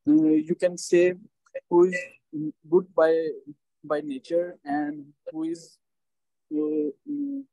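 A man with a Pakistani accent answering as a language test candidate, in halting, hesitant non-native English. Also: a little high, gravelly, warm tone, no room sound, low-quality recording. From Lahore, Pakistan.

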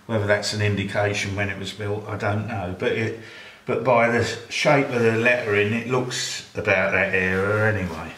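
An older homeowner gives a casual walkthrough of his renovation, plainly listing each job he did, first in small cottage rooms indoors and then out in the garden. His voice is on the low side, steady and a bit bright, at normal speed with few pauses. A distant mic captures echoey rooms and faint background noise.

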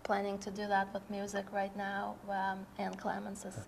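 Woman panelist, flat gravelly voice, faint room hiss. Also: mid-range voice, moderate pace. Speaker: panelist, lead faculty. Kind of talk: panel discussion.

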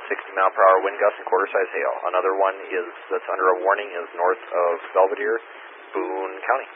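A man's voice: low voice, level tone, brisk, phone-quality sound. A man running a weather spotter radio net as net control, reading warnings in a procedural way over a static-filled radio transmission. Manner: procedural, reads warnings aloud. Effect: radio transmission with room static.

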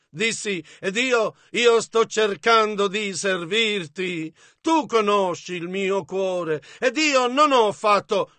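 A man interpreting a sermon line by line in a measured, steady delivery, as a close-miked voice-over. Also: high voice, no room sound.

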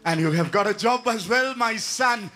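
A man pastor leading a healing service, blessing people with emphatic repetition and now and then breaking into song or shouting. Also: high voice, normal speed.

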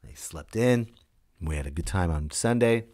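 An animated man with a low, slightly mellow voice speaks at a moderate pace, with no echo. He hosts a solo podcast in his late thirties, ranting and telling stories in a casual, blunt, emphatic way, complete with swearing and acted-out lines.

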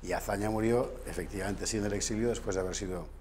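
A man's voice: lowish voice, steady tone, quick pace, darkish tone, a little hiss or hum. A man in his fifties, a guest author in a TV news studio, talking in a discursive way with wry asides, recorded on a lapel mic.

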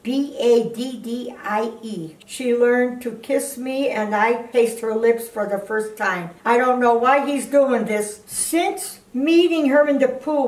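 For a video channel, an outspoken woman in her 80s reads fan fiction haltingly from her living-room armchair, pausing to scold the story with indignation. Her voice runs on the high side, and the distant mic gives the sound a roomy quality.

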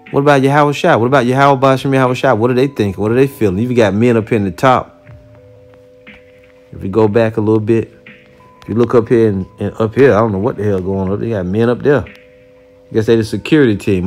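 A man giving an informal preaching commentary, blunt and heated with casual profanity, who reads scripture aloud slowly and deliberately. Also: medium pitch. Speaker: religious teacher reacting to a video.

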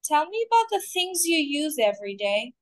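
A woman acting as examiner in a mock English speaking test, asking clear, measured questions. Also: high-pitched, very animated, dry recording.

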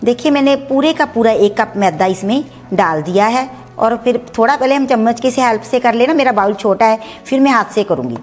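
This middle-aged woman hosts a cooking channel and demonstrates a recipe at home, chatting and explaining each step while mixing English words into her speech. Her slightly high voice is expressive and fairly quick with few pauses, backed by soft music.

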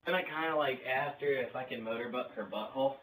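Fast and a bit bright in a mid-range voice, a young man rambles crudely and hesitantly while making a casual prank phone call for his videos. The recording is roomy, from a distant mic, with noise in the background.

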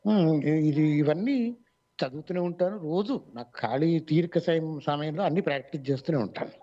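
A Telugu-accented man, a mimicry artist, talks through his answers on an online radio interview. He is measured and explanatory, with many pauses and fillers, in a slightly high voice. The audio is dull and lo-fi. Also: dark tone.

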